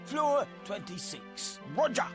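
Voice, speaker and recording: A man's voice: very high-pitched, sing-song, slow pace, music in the background, full character voice. A man playing a gloomy, folksy lift attendant in a video game, resigned and rambling. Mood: resigned, dutiful. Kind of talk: video game character acting.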